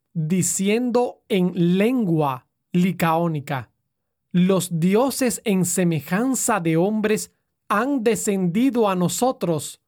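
A woman reading scripture aloud in a solemn, measured way. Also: on the low side. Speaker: scripture reader.

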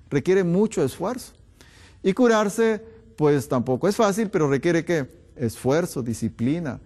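A middle-aged male doctor giving a health talk, asking rhetorical questions and answering them in a lowered voice. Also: a little mellow. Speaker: physician.

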